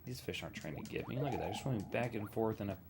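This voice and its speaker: A low-voiced man in his thirties chats his way through an old platform game, joking about himself and coaxing the little characters on screen. His pitch swings widely as he talks, and bright game music plays clearly behind him. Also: animated, rapid-fire. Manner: chatty, self-deprecating, talks to the game characters. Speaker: gaming streamer. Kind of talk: casual let's-play commentary. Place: home desk setup.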